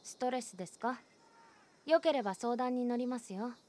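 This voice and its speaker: An actress gives a frank, cheerful teenage schoolgirl a gently teasing, candid manner for a voice drama. Her voice is on the high side and close to how she'd normally talk, at a moderate pace.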